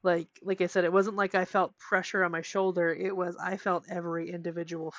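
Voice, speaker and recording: Young woman, podcast co-host, low-pitched, chatty storyteller who swears freely, recorded dry and lo-fi. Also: fairly quick, dry recording. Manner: animated storytelling, frequent "like" and swearing. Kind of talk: casual chat. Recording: dry, dull lo-fi podcast audio.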